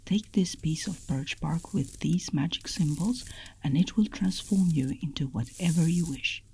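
A woman's voice: low-pitched, a little slow, warm tone, slight background noise, rough recording. A woman voicing a very old mystical male guide giving instructions in a whispered role-play storybook reading. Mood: solemn.

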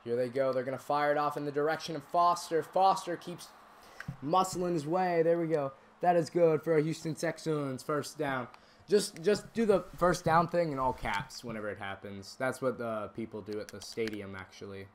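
A man streaming a football video game, calling plays and chatting with viewers, bursting into shouted calls on big moments. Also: on the high side, normal speed, slight background noise. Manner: chats with viewers between plays. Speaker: gaming streamer. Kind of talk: play-by-play game commentary.

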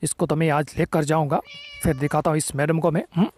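Excitable young man narrating gameplay. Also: on the high side, a little fast, a little hiss or hum. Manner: excited, teasing, playful taunts. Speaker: gaming channel host. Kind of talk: gameplay commentary.

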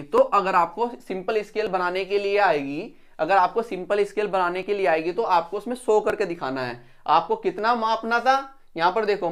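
A man teaching an engineering drawing lesson step by step. He repeats each instruction and asks his students questions, then answers them himself. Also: sits high.

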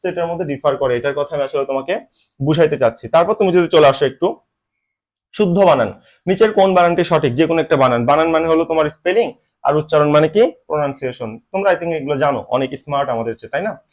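A young man with a colloquial Bangladeshi Bengali accent, giving an online admission-coaching lecture in a brisk, teasing manner with rhetorical questions. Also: a little high.

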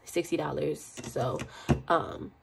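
A young budgeting vlogger with a cold talks casually while counting money aloud at a desk indoors, her voice stuffy. It is low, very animated and creaky, delivered at a slow pace, with background noise present.

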